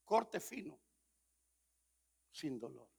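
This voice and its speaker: A male pastor preaching a sermon dramatically, swinging between loud exhortation and whispers. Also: a little high, sing-song, very slow, gravelly, slightly rough.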